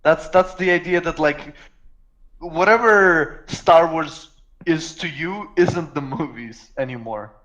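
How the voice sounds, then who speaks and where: A man's voice: fairly high pitch, takes it slowly, a bit bright, dull audio. A man from Russia in casual podcast chat, rambling and joking with swearing and frequent restarts. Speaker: podcast co-host.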